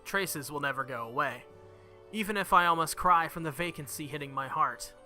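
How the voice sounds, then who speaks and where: Loud game music sits behind a man reading a visual novel aloud as he hosts a let's play. He goes dramatic with the story, reacts casually, and stumbles over words now and then, speaking on the high side at a moderate pace.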